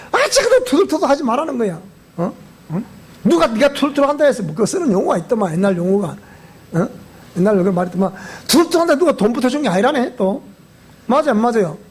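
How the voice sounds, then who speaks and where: A man with a Gyeongsang accent preaching a sermon in a church, animated, repeating phrases and asking the congregation questions. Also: very high-pitched, breathy edge. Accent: Gyeongsang Korean. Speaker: pastor.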